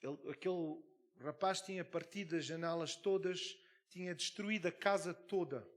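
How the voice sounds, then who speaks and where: A male pastor preaches in a fairly high voice. He tells his story with fervour, sometimes dropping low and sometimes surging loud. His delivery is a sermon. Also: normal speed. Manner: fervent storytelling with big swings in loudness.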